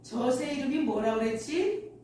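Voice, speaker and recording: A woman's voice: sits high, lively intonation, unhurried, dark tone, recorded from a distance, slight background noise. A woman voicing a forgetful old father. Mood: puzzled. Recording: echoey church hall from afar.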